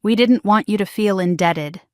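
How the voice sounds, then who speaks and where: A woman's voice: medium pitch, normal speed, a little mellow, dry recording, studio quality, lightly acted. A woman voicing an anxious, guilt-ridden middle-aged mother who talks in a pleading, placating way in a storybook drama.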